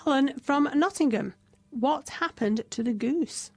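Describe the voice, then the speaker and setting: A woman's voice: high voice, unhurried, a little mellow, dry recording. Woman reading listener questions, dry sound.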